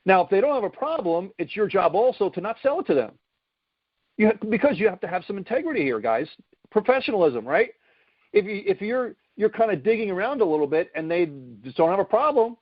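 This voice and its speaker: A man's voice: high-pitched, sing-song, a little fast, dry recording. A man teaching an online sales lesson, driving points home with frequent "right?" and "okay?" checks. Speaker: sales coach. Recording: dull lo-fi dry sound.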